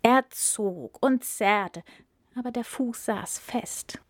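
Female storyteller; calm, expressive narration, dry and close. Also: fairly high pitch, takes it slowly, no echo.

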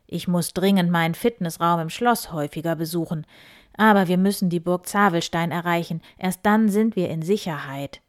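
A woman voicing a grumpy middle-aged count in a children's story, loud and commanding. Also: on the low side, moderate pace, no room sound, clean studio sound, lightly acted. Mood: tired.

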